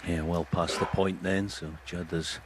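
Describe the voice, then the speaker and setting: A man's voice: low voice, level tone, a little slow, very noisy. A man giving conversational, analytical snooker commentary as a co-commentator, informal and matter-of-fact.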